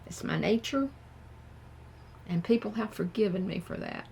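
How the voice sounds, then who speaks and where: An older woman with a Southern US accent gives frank, plain-spoken advice to her viewers, talking slowly and thoughtfully. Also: mid-range voice, expressive, creaky, warm tone, a little hiss or hum. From American South. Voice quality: slow and thoughtful. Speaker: vlogger. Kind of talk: casual advice talk to camera.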